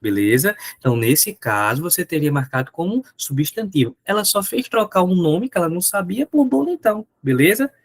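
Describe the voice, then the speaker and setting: Guy teaching a live class online, jokey and chatty, pretty high voice, dry sound. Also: big pitch swings, brisk, hardly any pauses, no room sound. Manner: chatty, joking, talks to viewers in chat. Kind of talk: live online exam-prep lesson.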